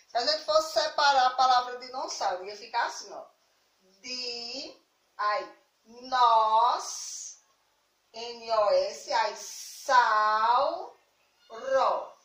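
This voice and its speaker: Brazilian lady teacher, high voice, talks slow n patient, echoey room and kinda far from the mic. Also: fairly bright tone. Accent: Brazilian Portuguese. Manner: slow, patient explaining with frequent "tá certo?" checks. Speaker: primary school teacher. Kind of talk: remote class lesson. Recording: roomy, from off the mic.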